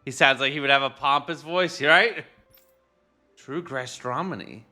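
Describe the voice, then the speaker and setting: A man's voice: fairly high pitch, moderate pace, pushed and bright, faint music behind. A man streaming a video game live, reading its dialogue aloud and muttering casual asides.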